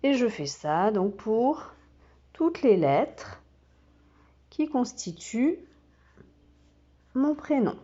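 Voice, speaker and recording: Slow, patient woman teaching. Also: fairly high pitch, very animated, dark tone, lo-fi sound. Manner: patient, with many fillers. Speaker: kindergarten teacher. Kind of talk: slow step-by-step demonstration.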